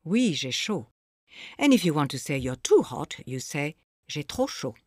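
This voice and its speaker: A woman narrating a scripted audio language lesson, explaining phrases slowly and clearly for the listener to repeat. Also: low-pitched, sing-song, heavy background noise. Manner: slow, clear teaching delivery with pauses for repetition.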